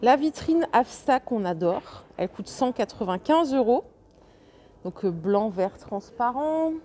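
In a fairly high, mellow voice, a shopping vlogger speaks animatedly yet unhurriedly while touring a big furniture store. She's chatty and enthusiastic, rattling off prices and sizes against faint store ambience.

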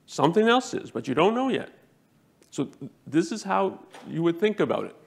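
A man giving a lecture to a live audience, talking emphatically, jumping up in pitch to stress points and often restarting his sentences. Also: very animated, normal speed, vocal fry, husky. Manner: self-correcting, frequent restarts.

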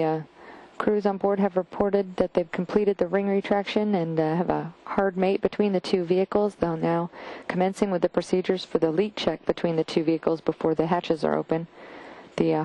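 A woman commentates live on a spaceflight from mission control. She is measured and factual, with a slightly low, very even, mellow voice. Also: poor audio.

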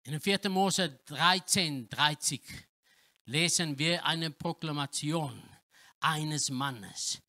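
A male pastor preaching a sermon in with grammar slips, dropping to hushed tones and rising to shouts of praise. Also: on the high side, slow. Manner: non-native German with grammar slips, swings from hushed to shouting. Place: church hall.

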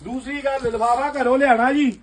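A man pitches clothes at the top of his lungs, his voice sitting extremely high for a man. He runs a basement clothing shop and hawks prices rapid-fire, as a loud live sales call. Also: fairly even intonation, slight background noise. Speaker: shopkeeper selling suits.

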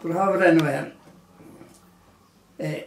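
Old gent in his 90s, reminiscing for an oral history, rather high voice, roomy echo. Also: steady tone, creaky, slight background noise. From Galway, Ireland. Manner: rambling, with many pauses and fillers. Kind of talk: unhurried storytelling reminiscence. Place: small living room indoors, seated in armchair. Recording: roomy living-room echo.

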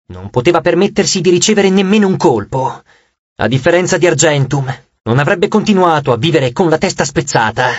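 A man's voice: a little high, dry recording, muffled recording. A man narrating an audiobook with dramatic, scripted storytelling.

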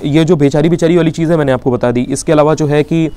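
A man's voice: fairly high pitch, steady tone, quick pace, dark tone, clear, resonant tone. A man with an Indian accent giving an indignant opinion commentary, arguing with rhetorical questions. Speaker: YouTube commentator.

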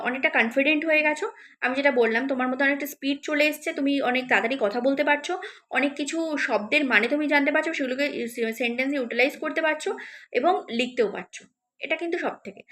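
Female tutor, bright forceful tone, coaches students directly, hesitant fillers. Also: sits high. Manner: encouraging, addresses viewers directly with many fillers. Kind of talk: spoken advice lesson to students.

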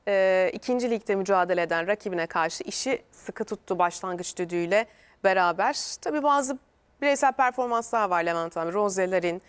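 A woman's voice: mid-range voice, clean tone. A woman presenting a sports programme in a conversational style, putting questions to a guest.

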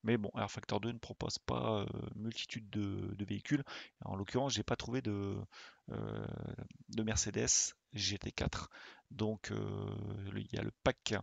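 Gravelly low-voiced man, rambling chat. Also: expressive, unhurried, dry recording. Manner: rambling, many fillers and restarts. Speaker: sim racing YouTuber. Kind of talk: casual hesitant chat to viewers.

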